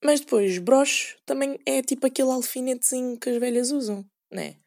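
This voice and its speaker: A woman's voice: sits high, normal speed, creaky, darkish tone. A young woman with a European Portuguese accent, rambling sarcastically in a casual solo podcast and acting out quoted voices. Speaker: podcast host.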